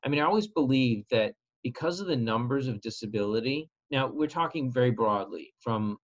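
Earnest advocate guy in an interview, measured, restarts his sentences, kinda muffled lo-fi sound. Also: medium pitch, lively intonation. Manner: earnest, measured, repeats opening words. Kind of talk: conversational interview. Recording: slightly dull lo-fi sound.

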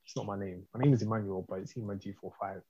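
Husky London roadman, bantering. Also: fairly low pitch, fairly even intonation, racing, mellow, no room sound, lo-fi sound. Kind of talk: casual chat.

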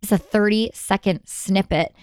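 An earnest woman guest telling a story in an interview, her voice smooth and resonant. The sound is close and dry, with no room around it. She speeds up in bursts as she talks. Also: medium pitch, steady tone, moderate pace, a little mellow, no echo. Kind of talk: conversational interview.

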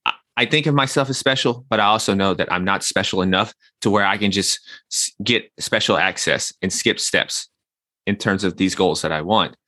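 A man in his thirties, a health consultant appearing as an interview guest, speaks in a lowish voice with a bright, forceful edge. Reflective and at a moderate pace, he works through his points using everyday, homely analogies. The audio is close and dry, with no echo.

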